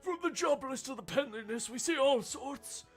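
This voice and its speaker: A woman's voice: high-pitched, expressive, moderate pace, faint music behind, pitched above the performer's own voice. A woman voicing a kindly, philosophical downtown resident in video game dialogue. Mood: earnest, philosophical. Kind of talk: video game dialogue read aloud by a streamer.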